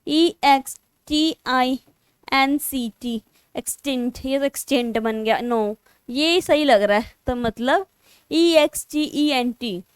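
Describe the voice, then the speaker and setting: A woman's voice: sits high, takes it slowly, clean tone, dry recording, studio quality. A woman with an Indian accent teaching English spelling online, spelling words out letter by letter and mixing Hindi with English. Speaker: English teacher for exam prep.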